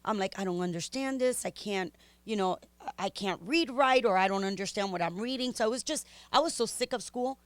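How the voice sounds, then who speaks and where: Talking a little fast in a mid-range voice without echo, a middle-aged woman from Miami, Florida shares her story candidly as a podcast guest. A native Spanish speaker, she has a Spanish-influenced Miami accent and is lively and chatty, laughing and saying um often.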